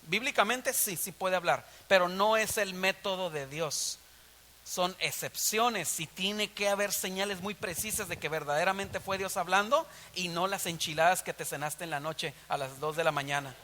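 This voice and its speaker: A man with a Mexican Spanish accent preaching a sermon as pastor, animated and full of rhetorical questions. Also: high voice, normal speed, in a large hall, a little hiss or hum.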